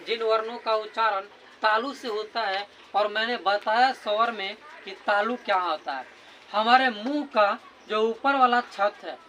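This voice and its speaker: High bright-voiced man teaching slowly. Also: slight background noise, poor audio. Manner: repeats questions and answers them himself, drills sounds aloud. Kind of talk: classroom lesson explaining grammar.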